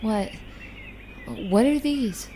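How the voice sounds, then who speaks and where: A woman plays a curious young cat-like alien in an audio drama. Her voice is fairly high, with a questioning, dryly sceptical delivery. Birdsong and some ambient noise sit behind her. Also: lively intonation, moderate pace, lightly acted. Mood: puzzled. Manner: questioning, plain-spoken, dry.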